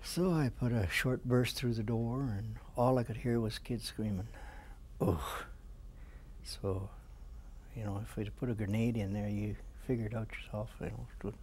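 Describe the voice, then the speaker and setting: An elderly Canadian man in his seventies, a veteran remembering his service in an interview in a halting, plain-spoken way. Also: fairly low pitch, fairly even intonation, a little mellow, a little hiss or hum. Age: 70s. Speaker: war veteran being interviewed. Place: small indoor room with flags. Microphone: lapel mic.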